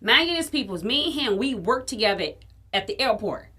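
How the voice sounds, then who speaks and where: Woman podcast co-host from Chicago, profane, animated storyteller, higher, bright voice. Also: a little fast, husky. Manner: animated, profane, acts out quoted dialogue. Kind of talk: casual storytelling chat.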